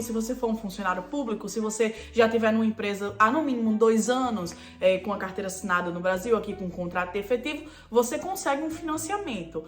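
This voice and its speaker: A woman, a real estate agent, calmly and methodically explaining the steps to buy property. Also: a little high. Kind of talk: explanatory chat. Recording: echoey room with faint music.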